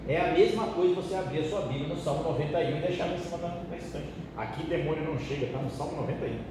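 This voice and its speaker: A man's voice: a little high, quick pace. A pastor from Brazil teaching a Bible study in a colloquial, joking way and asking his listeners questions. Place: church hall. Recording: echoey hall, distant mic, background noise.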